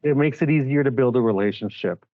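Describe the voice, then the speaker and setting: A man from Chile hosting a podcast interview, talking in an animated, emphatic way and building his points with examples. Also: mid-range voice, fast, no room sound, lo-fi sound. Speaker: podcast host. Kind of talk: casual interview chat.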